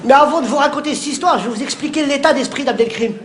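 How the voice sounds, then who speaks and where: A man performing stand-up comedy, teasing the crowd in rapid banter and shouting his punchlines. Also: extremely high pitch. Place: theatre stage before a live audience. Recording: live show with audience laughter and noise.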